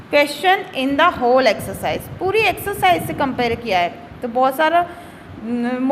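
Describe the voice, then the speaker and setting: High lively woman teaching slowly. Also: big-room sound, slight background noise, poor audio. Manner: code-mixes English terms into Hindi explanation, addresses pupils as beta; drawls English words slowly, rushes Hindi asides. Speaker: schoolteacher. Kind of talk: online grammar lesson for children.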